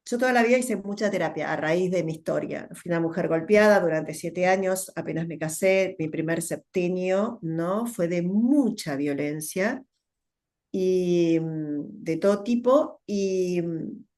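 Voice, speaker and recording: A middle-aged woman with a Rioplatense Spanish accent, a guest telling her story in a thoughtful interview, often pausing and repeating words as she searches for them. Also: fairly low pitch, darkish tone. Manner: thoughtful, with many fillers and repetitions. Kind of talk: reflective conversational interview.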